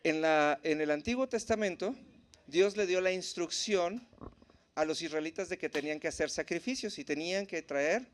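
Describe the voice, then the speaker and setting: A man teaching at a church in a relaxed, conversational way, often checking in with the congregation. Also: fairly high pitch, moderate pace. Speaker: preacher.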